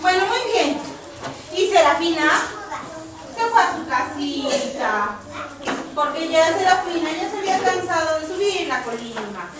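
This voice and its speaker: A woman telling a story to children with a puppet, in a gentle, playful, drawn-out way. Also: very high-pitched, lively intonation. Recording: echoey, distant, noisy room.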